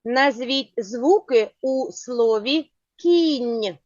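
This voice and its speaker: A woman teaching a children's phonics lesson, asking patient, clearly spoken questions. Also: high voice, sing-song, slow pace, no echo. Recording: dull lo-fi sound.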